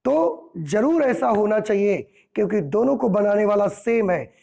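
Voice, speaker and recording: A male physics teacher lectures with a high-pitched voice. His tone has a rough, gravelly edge. He explains patiently and keeps checking that his students follow with rhetorical questions. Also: animated, a little slow, warm tone. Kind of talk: classroom lecture.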